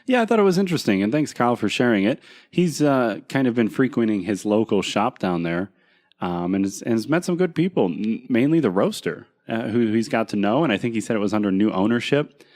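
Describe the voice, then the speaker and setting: A man's voice: lowish voice, big pitch swings, brisk, darkish tone. A man co-hosting a podcast in casual chat, teasing and laughing with his co-host.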